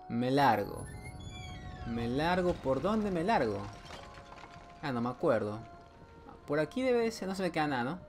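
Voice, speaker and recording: A man talks his way through a horror game, slow and unhurried, with a pitch that jumps around a lot. He jokes, scolds the game and yelps when startled. Faint music plays under his voice. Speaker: gameplay streamer. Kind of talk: playthrough commentary.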